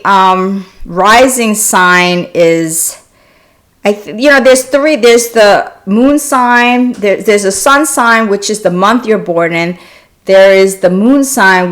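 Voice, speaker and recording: A woman's voice: mid-range voice, slow. A woman born in South Korea, hosting a wellness live stream, chatting casually and answering viewers' questions with frequent restarts. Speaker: wellness channel host.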